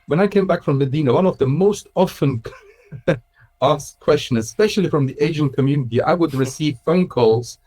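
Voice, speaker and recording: A man's voice: a little high, expressive, normal speed, warm tone, breathy edge. Swiss-raised man in his thirties, interview guest, thoughtful and chatty with easy laughs. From Switzerland. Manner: thoughtful, with frequent restarts and laughs. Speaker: guest, Islamic school director. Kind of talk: casual conversational interview.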